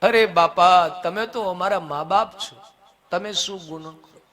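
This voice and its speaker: A man voicing a poor elderly widow who speaks softly and imploringly, sobbing as she pleads. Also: high-pitched, unhurried. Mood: pleading, tearful.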